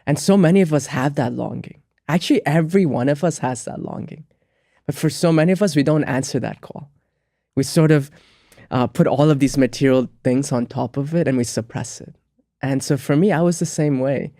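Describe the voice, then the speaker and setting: A man's voice: fairly high pitch, fairly quick, warm tone, no room sound, studio quality. A man, a monk and spiritual teacher, telling his life story as an interview guest in a reflective, earnest way with frequent ums and restarts. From grew up in the United States.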